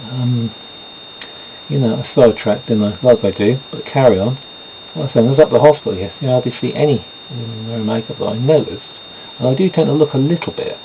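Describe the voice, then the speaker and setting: A fast talker with a medium-pitched, creaky voice, the man chats casually and rambles while doing his makeup at home. He makes self-deprecating asides, and the noisy home recording has a dull, lo-fi sound.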